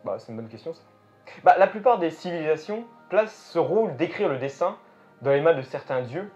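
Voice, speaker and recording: A magician from France speaks a little fast with lively intonation in a slightly high, darkish voice. Performing live, he thinks aloud and engages the audience. Music runs behind a dull, lo-fi recording.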